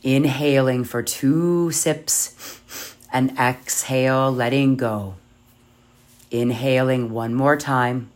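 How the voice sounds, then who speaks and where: Guiding a yoga nidra meditation, a speaker with a mid-pitched voice talks very slowly and softly. The delivery is soothing and measured, with fairly even intonation and long pauses between short phrases.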